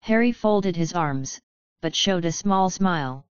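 Clear-voiced woman narrating a story. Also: fairly low pitch, lively intonation, a little slow, no echo. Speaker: audiobook narrator. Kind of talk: scripted narration. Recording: slightly muffled close recording.

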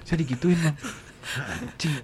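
A man's voice: fairly high pitch, unhurried, crowd noise. A young man, telling a story in casual slangy chat and acting out both sides of the conversation. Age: young adult. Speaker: guest storyteller.

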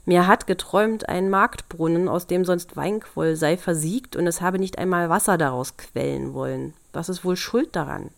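A woman's voice: fairly low pitch, moderate pace, gravelly, few pauses, no echo, clean studio sound. A woman reading a fairy tale aloud, voicing the Devil's grandmother as a shrewd, soothing old woman. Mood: coaxing.

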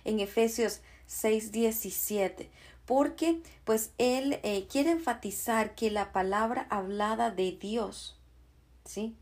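A woman preaching a Bible lesson, pausing with many "eh" fillers and checking in with "¿sí?" as she quotes verses. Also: mid-range voice, darkish tone. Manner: unhurried, many "eh" fillers and tag "¿sí?"; quotes and cites scripture verses. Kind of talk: Bible teaching.

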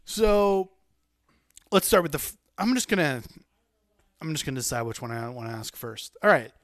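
Male podcast host, medium pitch, rambling casual chat, dry close sound. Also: normal speed, dry recording. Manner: rambling, self-interrupting, animated.

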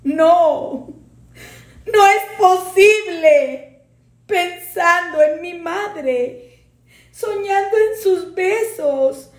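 Lady doing a sobbing little schoolboy, high and pleading, echoey room. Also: exaggerated voice. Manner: tearful, pleading. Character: grieving orphaned young schoolboy. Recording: roomy echo.

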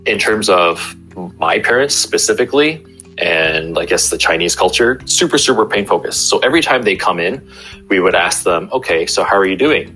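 A young male chiropractor speaks casually in an interview, walking through everyday examples with many restarts, animated and at a moderate pace. His voice sits low but sounds bright and forward, with faint music playing softly behind him on poor audio.

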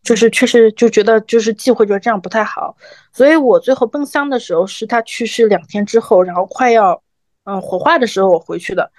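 A woman in her thirties co-hosts a podcast and tells a personal story in a reflective, chatty way. Her voice sits a little high. The recording is dry and close. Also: fairly quick, a little mellow, dry recording. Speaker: podcast co-host. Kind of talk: podcast conversation.

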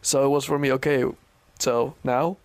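A man's voice: medium pitch, fairly even intonation, moderate pace, smooth, no echo. A man co-hosting a casual podcast, hesitant and stumbling over repeated words. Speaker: podcast co-host. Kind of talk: casual chat.

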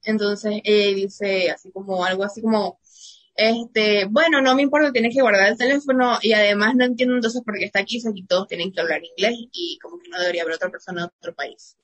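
A woman's voice: mid-range voice, quick pace, fairly bright tone. A young woman from Venezuela with a Venezuelan accent, a student guest telling a personal story with many fillers. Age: young adult.

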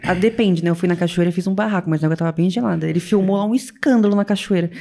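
A young adult woman chatting casually as a podcast co-host, telling stories in an animated, expressive way. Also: fairly low pitch, vocal fry. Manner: animated storytelling, quick and expressive. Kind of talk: casual chat.

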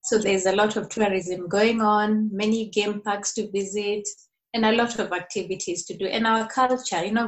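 A middle-aged woman speaks with a Kenyan accent. Her pitch sits in an ordinary female range, and she talks conversationally, as a guest answering questions in an interview. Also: a little hiss or hum, low-quality recording. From Nairobi, Kenya. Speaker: podcast guest. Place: remote call from Kenya.

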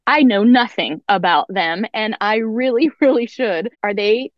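A woman's voice: medium pitch, a little slow, no room sound, muffled recording. Giggly, effusive woman podcast guest. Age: young adult. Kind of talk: casual podcast chat.

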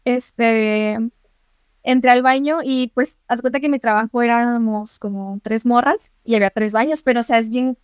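A young Mexican woman co-hosting a podcast, telling a story in casual, slangy, animated chat. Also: fairly high pitch, moderate pace, smooth, no room sound, clean studio sound. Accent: Mexican Spanish. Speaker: podcast co-host.

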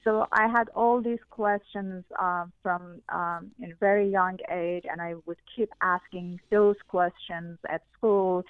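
An Iranian woman, a Farsi native with a Persian accent, is an interview guest giving personal testimony, earnestly recounting her questions and experiences with many fillers. Her fairly low, smooth voice is fairly even in intonation, a little slow, with few pauses and no room sound, though the audio is tinny and phone-like.

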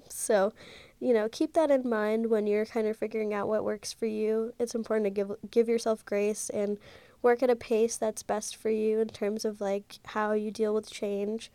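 Speaking through a congested nose, this Ohio host in her twenties chats and rambles on her one-person podcast, holding a handheld mic and leaning heavily on "like" and "um." She talks at normal speed in a warm, medium-pitched voice with little pitch movement, and the recording is dry.

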